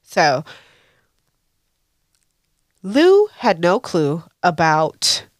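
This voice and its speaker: A woman's voice: on the low side, huge pitch swings, drawn-out words, dry recording, studio quality. A woman hosting a podcast, recapping a TV episode in a candid, opinionated way and breaking off into rants with laughs. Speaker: podcast host.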